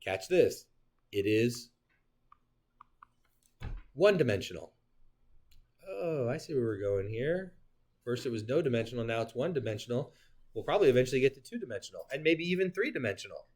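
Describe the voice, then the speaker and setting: Lively male geometry teacher lecturing. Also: medium pitch, a little fast, pauses often. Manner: animated, joking asides, talks to students. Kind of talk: classroom lecture.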